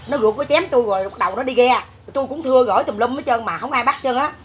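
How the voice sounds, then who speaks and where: A woman's voice: fairly high pitch, quick pace, slight background noise. A woman in her fifties with a Southern Vietnamese accent, telling her story in a rambling way with many fillers. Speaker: interviewee, mother. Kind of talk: casual storytelling.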